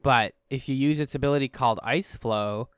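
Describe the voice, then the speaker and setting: A man's voice: mid-range voice, fairly quick, clean tone, dry recording, clean studio sound. A man co-hosting a casual podcast, joking and laughing as he reads entries aloud. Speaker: podcast co-host.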